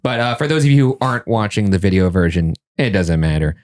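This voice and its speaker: A man's voice: sits low, expressive, fast talker, darkish tone. A man hosting a podcast, chatting casually with jokey, self-mocking asides. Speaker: podcast host. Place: indoor podcast studio.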